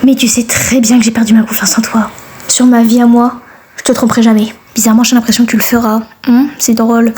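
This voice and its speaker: A woman's voice: fairly high pitch, level tone, fast talker, darkish tone, a little hiss or hum. A young woman doing a comedic amateur fan dub, voicing several characters in a brash, slangy manner.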